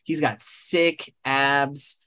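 A man's voice: mid-range voice, fairly even intonation, extremely slow, pushed and bright. A male podcast host improvising a comic story, rambling and correcting himself as he goes. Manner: rambling, self-correcting, laughing at own jokes.

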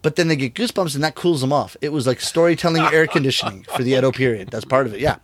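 A man's voice: medium pitch, very fast, dry recording. A middle-aged man, a rakugo storyteller, talking in a casual interview and acting out the voices of people in his stories. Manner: animated storyteller, acts out quoted voices.

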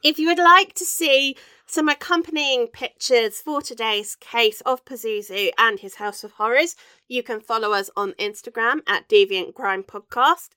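A woman co-hosting a podcast, posh-sounding and high-voiced, chatty and giggly, swearing freely in casual chat. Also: normal speed, bright, forceful tone, clear, resonant tone, dry recording. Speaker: podcast co-host.

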